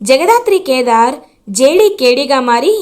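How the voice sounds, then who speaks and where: A woman casually retelling a TV serial episode in a lively way. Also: sits high, a little slow. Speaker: serial recap narrator. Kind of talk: casual story recap.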